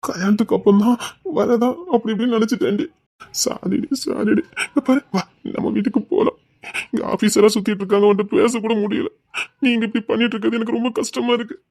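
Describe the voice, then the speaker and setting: A man with a Tirunelveli accent playing a remorseful young husband, pleading in a hushed, tearful voice. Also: sits high, steady tone, fast talker, creaky. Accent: Tirunelveli Tamil. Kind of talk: web drama acting.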